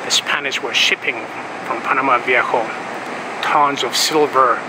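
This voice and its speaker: Inside a big church, a man at a typical middle pitch walks viewers through the building's history, explaining things in a relaxed, unhurried way and pausing often, like a travel vlogger giving a tour. Under his narration there's a constant heavy hum of air conditioning mixed with traffic from outside.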